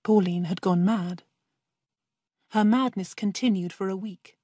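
A woman reads a simple story aloud for language learners. Her delivery is slow and careful, her voice soft and breathy, and the recording is dry and close. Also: medium pitch, dry recording. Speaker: narrator. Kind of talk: slow scripted audiobook reading for learners.

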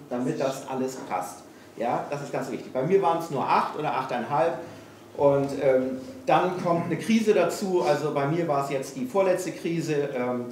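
Hesitating throughout, a middle-aged man from Hamburg, Germany, speaks frankly and pokes fun at himself for a live audience at a failure-stories evening. His voice is slightly high. The setting is a small event room, captured through the room PA from a distance, with echo and faint noise.

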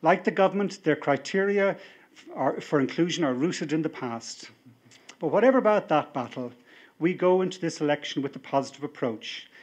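A man's voice: fairly high pitch, expressive, moderate pace, a little mellow. A middle-aged Irish man giving a rousing political convention speech as party leader at a podium microphone in a large hall. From Ireland. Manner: rousing speech-making, building to emphatic appeals. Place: large hall with a seated audience, indoors.

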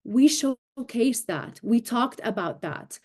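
This woman's voice sits on the high side, with lively intonation, a slow pace, and a darkish tone. A native Arabic speaker in her thirties from Syria, raised in Damascus, she works as a broadcast journalist and show host and appears as a guest on a video call from indoors, giving emphatic, articulate explanations in a remote news interview.

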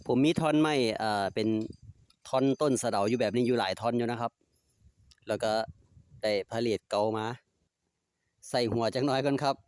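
At medium pitch and normal speed, this slightly mellow male voice pauses often and is heard on a dry recording. He's an easygoing DIY vlogger with a Northeastern Thai Isan accent, narrating casually as he works outdoors in his home yard, chatting with polite particles and talking to his dogs.

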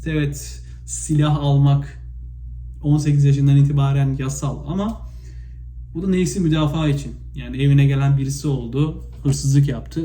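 A man from Turkey vlogging in a casual, spontaneous monologue, retelling stories with lots of fillers and animated bursts. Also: medium pitch, normal speed. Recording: echoey room, faint background noise.

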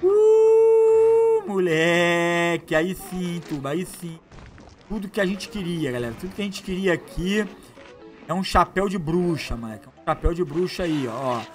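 A young man giving excited, heavy gameplay commentary. He repeats phrases and calls out to his viewers. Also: sits high, normal speed, music in the background. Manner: hyped, slangy, repeats phrases, shouts at the screen. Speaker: gameplay youtuber.

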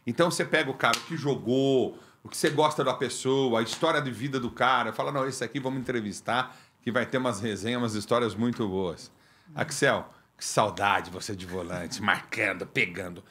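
A man's voice: medium pitch, a little fast, fairly bright tone. A middle-aged man from Brazil hosting a podcast, bantering and joking with his guest in a studio on a stand mic. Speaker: podcast host. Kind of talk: casual interview.

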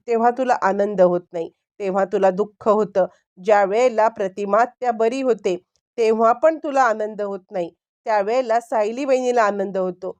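A woman's voice: fairly high pitch, a little mellow, lightly acted. A woman voicing an angry young husband who confronts his wife, in a storybook recap.

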